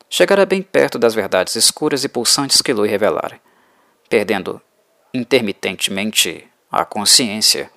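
A man reading an audiobook in an even, measured way. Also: mid-range voice, dry recording. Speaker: audiobook narrator. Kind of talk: scripted narration.

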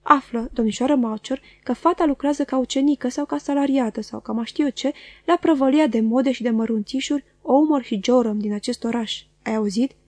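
A woman voicing a self-assured young gentleman who speaks in a smooth, mocking way, in a storybook reading. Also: high voice, dry recording. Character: suave, confident young gentleman.

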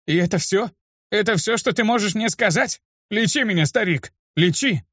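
Hoarse excitable young apprentice guy, man doing the voice, dry lo-fi. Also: sits high, moderate pace, dry recording, pitched above the performer's own voice. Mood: pleading. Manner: excitable, snappy. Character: hoarse young male apprentice, hot-tempered. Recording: dull lo-fi dry recording.

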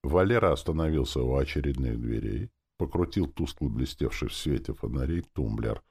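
A man's voice: very deep voice, lively intonation, normal speed, gravelly, a little mellow, slightly rough. A man narrating a fantasy audiobook in the first person, reading expressively.

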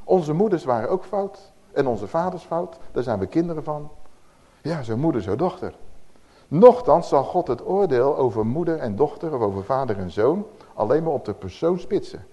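An older man preaching a sermon. His voice is warm and mellow but pitched a little high. He preaches with lively pitch, booming out some lines and dropping softly into others. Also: normal speed, muffled recording. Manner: emphatic, swings from loud declaiming to soft tender asides.

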